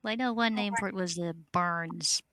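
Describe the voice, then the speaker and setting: Hesitant woman with a bright voice. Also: mid-range voice, moderate pace. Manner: hesitant, starts with filler sounds. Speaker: quiz contestant. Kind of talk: casual chat on a voice call.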